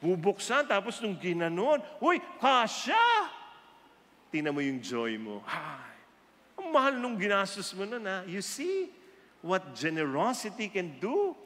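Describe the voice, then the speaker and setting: A man preaching a sermon that switches between Tagalog and English, telling stories animatedly. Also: a little slow. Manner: animated storyteller, jumps high for quoted voices. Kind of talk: sermon mixing Tagalog and English, with acted quotes. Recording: long hall reverb.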